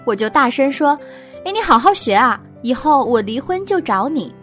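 A woman voicing a young woman who talks earnestly in first person about her parents' divorce, with soft music behind. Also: medium pitch, expressive, moderate pace, close to an everyday voice. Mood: defiant.

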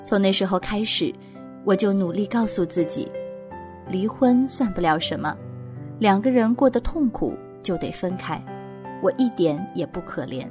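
A woman voicing a young woman who talks earnestly in first person about her parents' divorce, with soft music behind. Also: medium pitch, lively intonation, moderate pace, lightly acted. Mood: reflective.

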